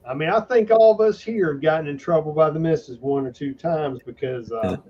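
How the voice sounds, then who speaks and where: A man's voice: a little high, a little fast, darkish tone. A man hosting a casual podcast chat, blunt and emphatic, with plenty of swearing. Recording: dull lo-fi recording.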